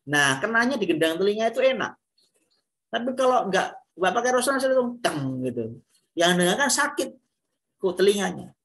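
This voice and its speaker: A man's voice: high-pitched, a bit bright. A man giving a classroom lecture on singing, explaining step by step and posing rhetorical questions to his students. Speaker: music lecturer.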